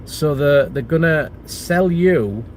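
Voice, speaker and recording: This middle-aged property channel host has a cold and chest infection as he chats on a livestream, working through viewer comments. He speaks slowly in a fairly high, animated voice, rambling with lots of fillers and restarts, and slight background noise is present.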